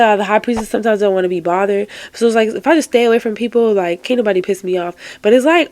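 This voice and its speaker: A woman's voice: mid-range voice, a little mellow, no room sound. A woman giving a casual, chatty tarot reading, emphatic and encouraging, full of fillers. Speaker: tarot card reader.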